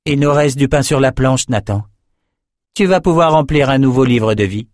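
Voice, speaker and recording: A bold young sorceress, commanding and sure of herself, as a man puts her on. Her voice rises well above a man's usual register. She speaks firmly and loudly, in a very dry, close sound. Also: medium pitch, animated, moderate pace, dry recording, pitched above the performer's own voice, natural voice. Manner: raised, firm, assertive delivery.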